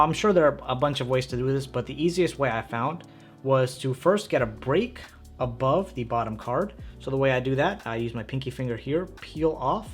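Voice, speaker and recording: A man presenting a magic tutorial in casual, upbeat card magician patter, speaking straight to the viewer. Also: medium pitch.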